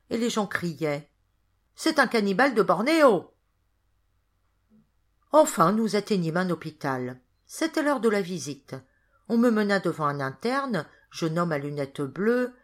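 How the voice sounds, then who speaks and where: A woman narrates a first-person novel aloud with expressive storytelling. Her voice sits slightly low for a woman and moves through a wide, lively range of pitch. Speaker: audiobook reader. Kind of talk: scripted narration.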